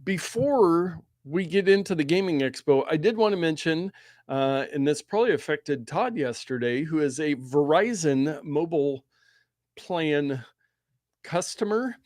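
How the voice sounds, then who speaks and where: Higher-voiced male tech podcast host. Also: expressive, a little slow, darkish tone, no echo, studio quality. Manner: chatty, detailed, explains at length. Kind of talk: casual chat. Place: Pacific Northwest.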